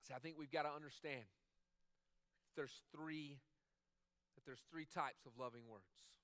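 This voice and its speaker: High, bright-voiced male pastor preaching. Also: a little slow, no room sound. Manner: conversational, repeats phrases for emphasis; acts out quoted dialogue in other voices. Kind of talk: sermon.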